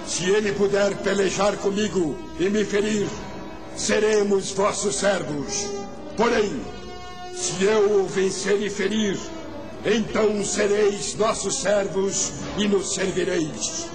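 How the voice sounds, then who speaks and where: An actor playing a boastful giant warrior in a children's Bible story, declaiming menacing challenges in a booming voice. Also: male voice, takes it slowly. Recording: music under the voice.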